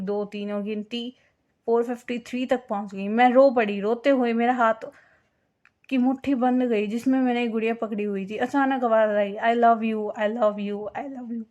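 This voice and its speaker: A woman narrating an emotional first-person story slowly, with drawn-out pauses. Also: a little high, fairly even intonation, dull audio. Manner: slow, heartfelt, with drawn-out pauses.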